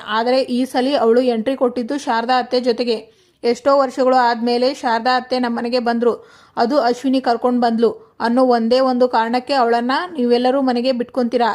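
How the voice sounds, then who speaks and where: A woman with a Kannada accent reading the lines of a stern young man explaining an investigation, in an even way. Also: a little high, natural voice.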